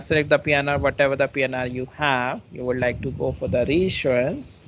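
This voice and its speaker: A man leads an online product webinar, walking through each feature step by step and often rephrasing himself as he goes. His voice sits a little high for a man. The audio is somewhat dull and muffled, with a faint hiss underneath. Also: a bit bright. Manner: explains step by step, often restating phrases. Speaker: webinar presenter.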